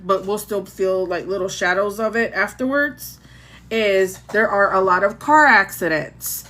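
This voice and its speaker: Bright and a little pushed, her mid-range voice carries a country accent as she runs a casual tarot livestream. She is chatty and keeps talking to her chat, treating it like an easygoing live conversation with viewers.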